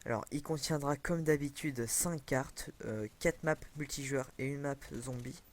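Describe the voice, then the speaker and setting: A man's voice: medium pitch, measured pace. A young man commenting casually on a video game over a headset, rambling with many fillers and self-corrections. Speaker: gaming commentator.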